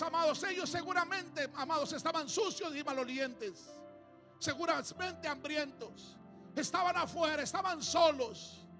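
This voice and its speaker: Male pastor preaching in church, very high and forceful voice, soft music underneath, moves between near-whispers and shouts. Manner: addresses the congregation as "amados", swinging from hushed to shouted passages. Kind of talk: sermon.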